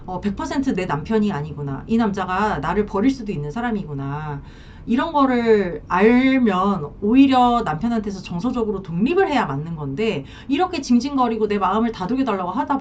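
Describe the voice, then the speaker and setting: Animated Korean woman counselor, lively voice. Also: mid-range voice, recorded from a distance, dull audio, slight background noise. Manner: animated, acts out spouses' lines in quotes. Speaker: marriage counselor. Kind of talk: advice talk to camera.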